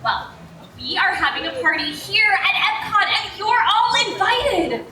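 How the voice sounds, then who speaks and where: A woman performing a live street show, loudly rallying and hustling the crowd. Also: very high voice, very animated, unhurried. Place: outdoor theme park plaza, amplified, heard from the audience. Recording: echoey, distant, noisy outdoor crowd.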